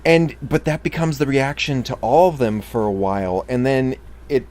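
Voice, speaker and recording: A man co-hosting a casual chat, joking and self-deprecating, quoting people with animated put-on voices. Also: medium pitch, moderate pace. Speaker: co-host.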